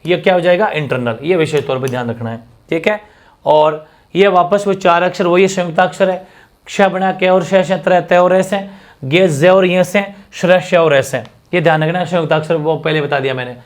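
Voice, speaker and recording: A man teaching a fast exam-prep grammar lesson, drilling examples and asking rhetorical questions. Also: high-pitched.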